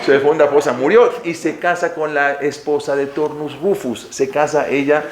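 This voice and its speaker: A man's voice: moderate pace, slight background noise. A man teaching a Talmud story, acting out the dialogue with sudden rises in his voice. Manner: animated storyteller, acts out dialogue with pitch jumps. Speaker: religious teacher. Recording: echoey room with faint ambience.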